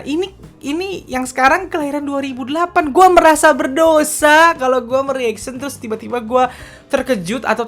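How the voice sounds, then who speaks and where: Talking candidly as a K-pop news vlogger, this Indonesian man in his late 20s keeps his solo commentary slangy and confessional, frequently closing with "gitu." He has a very high, slightly bright voice.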